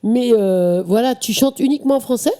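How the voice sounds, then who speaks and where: Woman host with a warm voice. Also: a little high, normal speed. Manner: friendly interviewer asking questions. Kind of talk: talk show hosting.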